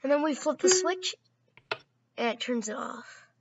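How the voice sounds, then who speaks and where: A woman's voice: high voice, animated, unhurried, lo-fi sound, heavy background noise. A woman hosting a gaming video, narrating casually and often correcting herself mid-sentence.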